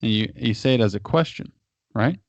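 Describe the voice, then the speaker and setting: A man's voice: medium pitch, lively intonation, a little fast, no echo. A married man, a guest, giving casual advice in a long explanation, often restarting and repeating his words. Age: adult, married. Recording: dry, dull lo-fi audio.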